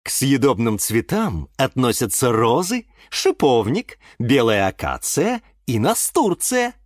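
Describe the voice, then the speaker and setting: A man's voice: medium pitch, wildly swooping pitch, takes it slowly, no echo, studio quality, full character voice. A man reading a children's audiobook voices a cheerful male TV cooking-show host with upbeat presenter patter.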